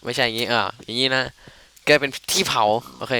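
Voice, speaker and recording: A man's voice: mid-range voice, fairly even intonation, fast talker, pushed and bright. A man casually commenting on his game playthrough, joking and swearing as he goes. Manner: crude, joking, rambling. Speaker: gamer. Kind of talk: casual let's play commentary.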